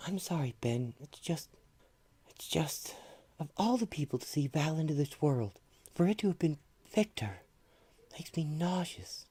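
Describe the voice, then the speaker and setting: A man voicing a gentle, anxious young mother in a comic-book radio play, soft, breathy and earnest. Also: fairly high pitch, sing-song, measured pace, long pauses, no echo, voice pushed up, full character voice. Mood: troubled.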